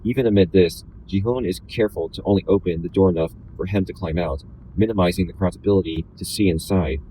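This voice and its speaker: Man reading a novel, flat robotic delivery, deep voice, faint road noise. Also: fast, low-quality recording. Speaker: reader.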